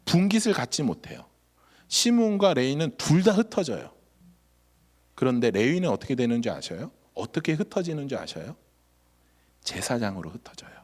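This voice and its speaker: A male pastor gives a sermon in a storytelling manner. His pitch rises and falls in a lively way, and he keeps turning to the congregation with rhetorical questions.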